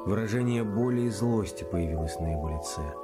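Male audiobook narrator, measured and low, loud score behind. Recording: loud background music.

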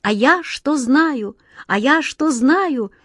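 Cast a woman as a teasing boyish wind sprite for a storybook, very high, singsong and chiming, dry close sound. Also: animated, slow pace, dry recording. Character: playful childlike wind spirit, boyish, teasing.

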